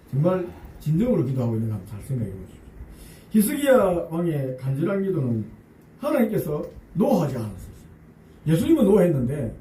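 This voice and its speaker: A man's voice: on the high side, warm tone, a little hiss or hum. A male pastor preaching a sermon, acting out pleading prayers and chuckling along with the congregation. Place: church sanctuary. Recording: roomy church sound from a distance.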